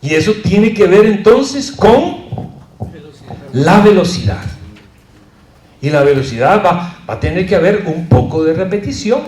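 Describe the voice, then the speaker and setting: Un pastor que da una clase de predicación con humor, bromeando y haciendo preguntas al público. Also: male voice, fairly high pitch. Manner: lively, jokey, asks the audience questions. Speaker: pastor teaching a preaching class. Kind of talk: humorous lecture. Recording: roomy echo.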